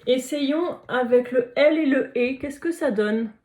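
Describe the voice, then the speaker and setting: A woman teacher leads a phonics lesson for young children, stretching out each letter and syllable so they can be heard clearly. Her voice sits a little high, and she speaks slowly, pausing to praise and encourage the listeners. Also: darkish tone. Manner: slow, careful, drawn-out sounding of letters and syllables.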